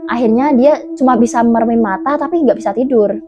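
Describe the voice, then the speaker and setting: A woman's voice: fairly high pitch, a little fast, lo-fi sound. Chatty young woman telling a spooky tale. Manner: chatty, many fillers and self-corrections. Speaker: storyteller. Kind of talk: casual horror storytelling.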